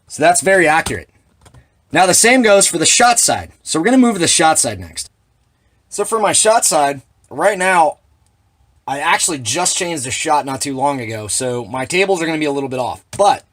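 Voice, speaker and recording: In a slightly high, fairly bright voice, a man demonstrates shotgun reloading equipment hands-on. He talks plainly and drops in dry, sarcastic asides.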